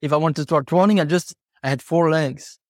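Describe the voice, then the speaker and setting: Here a horse trainer guesting on a podcast, not a native English speaker, explains his ideas earnestly through personal anecdotes and rhetorical questions. He speaks briskly in a fairly high voice with a darkish tone, captured in studio quality with no room sound.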